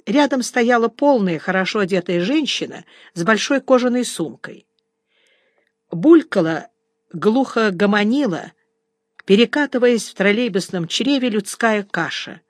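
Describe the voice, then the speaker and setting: A woman's voice: medium pitch, expressive, a little slow, no room sound. Woman reading a novel, dry close sound. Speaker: audiobook reader. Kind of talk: scripted first-person narration.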